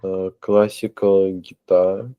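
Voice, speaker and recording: A man taking part in an online lesson as a student, naming words one at a time in a halting way, with long hesitations before each. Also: low voice, little pitch movement, warm tone, clear, resonant tone, no echo.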